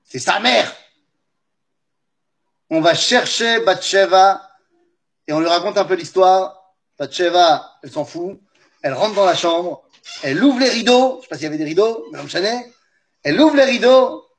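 A man teaching a religious class, telling a story in an animated way and speaking straight to his listeners. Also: high voice, normal speed, pauses often. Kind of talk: lively storytelling lesson.

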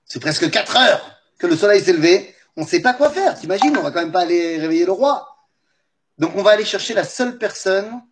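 A man teaching a religious class, telling a story in an animated way and speaking straight to his listeners. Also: fairly high pitch. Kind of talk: lively storytelling lesson.

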